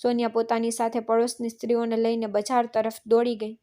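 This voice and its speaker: A woman narrating a scripted family story in a flat, even reading. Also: fairly high pitch, fairly quick.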